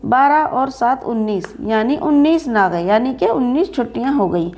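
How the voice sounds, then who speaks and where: A woman narrating a story in first person, expressive and shifting into a stern employer's voice. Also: a little high, normal speed.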